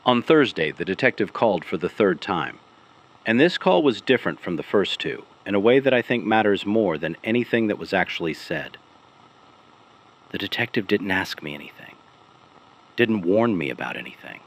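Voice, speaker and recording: In a deep voice, a man hosts a serialized investigative mystery, presenting the case like a scripted podcast. His phrasing is careful and solemn, with purposeful pauses and lively intonation. The recording quality is low.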